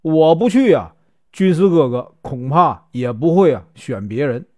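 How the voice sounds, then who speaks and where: A male storyteller voicing a rough, hot-headed outlaw who talks loud and blunt. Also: a little high, animated, unhurried. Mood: boisterous.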